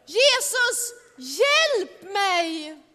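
A woman's voice: very high voice, sing-song, long reverb tail. Woman doing Peter, eager impulsive fisherman. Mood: panicked.

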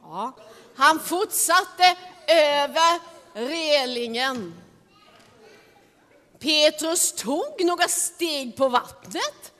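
A woman telling a Bible story to children in a lively way, talking directly to her listeners, in a large hall. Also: sits high, pauses often.

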